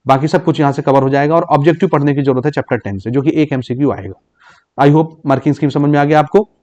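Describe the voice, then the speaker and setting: A man with a slightly high, darkish voice, from Chhattisgarh, India, delivers an exam-prep physics lesson. He explains in Hindi with English terms mixed in, keeps asking "ठीक" ("okay?"), and slowly reads English exam questions aloud.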